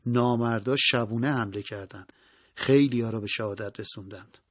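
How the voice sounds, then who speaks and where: A man's voice: on the low side, no echo, studio quality, close to an everyday voice. A man voicing a weary soldier giving a grim, bitter report.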